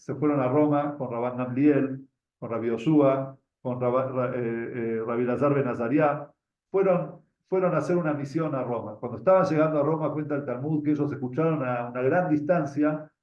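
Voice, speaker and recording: A man with an Argentine accent tells a religious story to a group as a teacher. He often stops to repeat words while he searches for the next one, and he asks his listeners questions. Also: mid-range voice. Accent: Argentine Spanish. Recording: echoey room, dull lo-fi sound.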